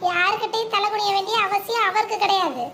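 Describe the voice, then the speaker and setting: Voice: very high-pitched, fairly even intonation, fast, sharp tone, a little hiss or hum, heavily acted. A performer voicing a fiery young wife in a cartoon family drama who scolds sharply and combatively. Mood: furious. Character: fiery young wife defending her husband.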